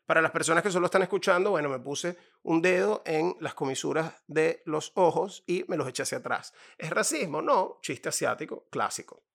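A Venezuelan man delivering a comedic advice monologue, his voice pitched high with a gravelly rasp underneath. He tells stories with animated flair and tosses in playful asides to the listener. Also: fairly quick, hardly any pauses.

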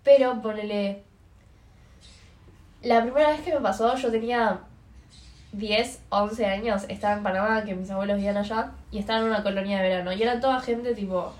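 A woman's voice: medium pitch, fairly quick. Young Argentine woman in an echoey room. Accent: Buenos Aires Rioplatense Spanish. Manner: relaxed conversational storytelling. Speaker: podcast co-host. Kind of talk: casual chat. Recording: roomy echo.

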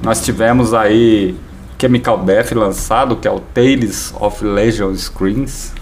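A man's voice: on the low side, fairly even intonation, takes it slowly, a little hiss or hum. A man with a Brazilian accent hosting a casual live radio talk show.

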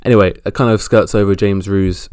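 Male podcast host, low gravelly voice, wry and halting, casual sports roundup, close dry sound. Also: steady tone, darkish tone, no room sound.

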